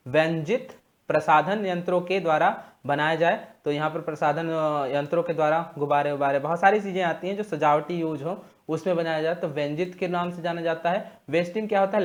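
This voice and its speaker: Man giving a slow, patient lecture. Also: fairly high pitch. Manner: explains slowly, repeats terms and pauses on "अ". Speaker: exam prep teacher.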